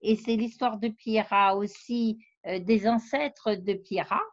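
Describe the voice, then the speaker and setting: A woman researcher and novelist is interviewed in a conversational setting, explaining her ideas at length with frequent hesitations. Her voice is medium-pitched, fairly even in intonation and slow-paced, heard in a dull, lo-fi, dry recording.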